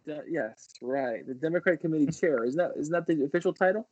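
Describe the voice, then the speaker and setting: A man's voice: on the high side, fast talker, darkish tone, dry recording, dull audio. Chatty male host on a video call. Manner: chatty, eager, with frequent restarts. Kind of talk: casual livestream interview.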